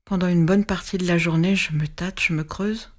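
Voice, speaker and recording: A woman reading a story aloud in an expressive, storytelling manner. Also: fairly low pitch, normal speed. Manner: expressive, singsong on the rhyme.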